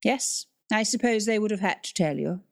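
A woman's voice: medium pitch, lively intonation, normal speed, gravelly, pitched above the performer's own voice. A woman playing a haughty regal librarian. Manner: clipped, precise, commanding.

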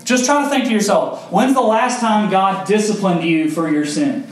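A young pastor preaches directly to his congregation, his high voice at a moderate pace gradually building in intensity. The mic sits far off in an echoey hall, with slight background noise.

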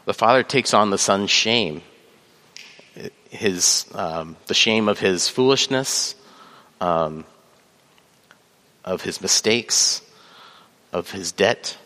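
A man preaching a sermon as pastor, measured, with fillers, reading scripture aloud. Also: lowish voice, sharp tone. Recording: long hall reverb.

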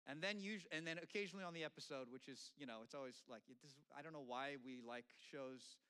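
A man's voice: a little high, fast, pushed and bright, clear, resonant tone. A middle-aged man, a pastor, giving a sermon in a church in a conversational way, with many fillers and restarts.

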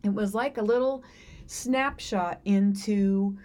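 Woman, Southern accent, casual podcast chat, earnest, rambling, mid-pitched voice. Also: slow, darkish tone.

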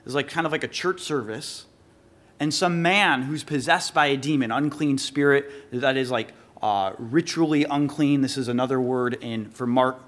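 A man preaching a sermon, reading scripture aloud and explaining it verse by verse, slowing to stress key words. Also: mid-range voice, a bit bright. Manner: earnest expository preaching, reads scripture then explains it. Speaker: pastor.

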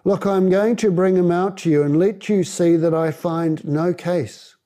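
A man's voice: sits high, fairly even intonation, a little slow, warm tone, pitched above the performer's own voice. A man voicing a stern, questioning male Roman governor in a scripture reading.

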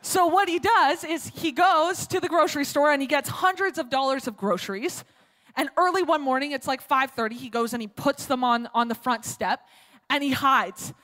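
Casual, animated woman preacher. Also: high-pitched, moderate pace, in a large hall. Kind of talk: sermon.

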